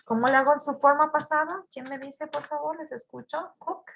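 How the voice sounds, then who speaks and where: A woman's voice: sits high, steady tone, moderate pace, creaky, a bit bright. A woman teaching an English grammar lesson, patiently repeating words and quizzing her students.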